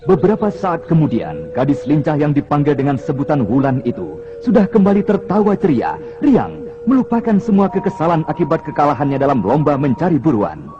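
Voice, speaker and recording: A man delivers scripted narration like an old radio serial announcer, theatrical and rhetorical. His fairly high voice moves with lively inflection over music, on a dull vintage recording. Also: a little fast.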